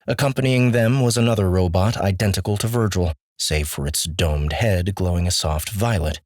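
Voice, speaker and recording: A man narrating an audiobook with measured, steady storytelling. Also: sits low. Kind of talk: scripted narration.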